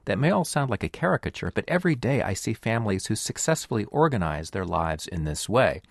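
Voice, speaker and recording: A man's voice: lowish voice, big pitch swings, a little fast, gravelly, slightly rough, dry recording, clean studio sound. A man discussing books on a radio show, explaining in a thoughtful, hesitant way. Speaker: book reviewer guest.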